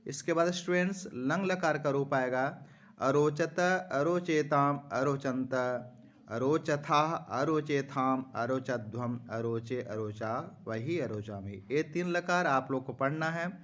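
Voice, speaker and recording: Man, teacher, slow deliberate delivery, recites word lists, talks directly to students. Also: medium pitch, a bit bright. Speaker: Sanskrit teacher. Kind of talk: classroom lesson, reciting verb forms. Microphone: phone screen recording.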